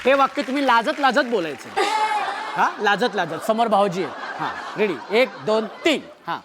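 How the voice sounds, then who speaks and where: A woman's voice: medium pitch, animated, normal speed. A woman with a Marathi accent hosting a studio game show, cheering on contestants and coaxing the audience to clap. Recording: stage show with music and crowd.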